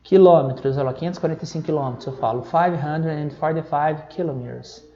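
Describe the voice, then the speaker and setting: Gravelly Brazilian man teaching English. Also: a little high, mellow, lo-fi sound. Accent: Brazilian Portuguese. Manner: explains step by step, reads numbers out slowly; checks in with frequent "tá?". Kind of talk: recorded online English lesson.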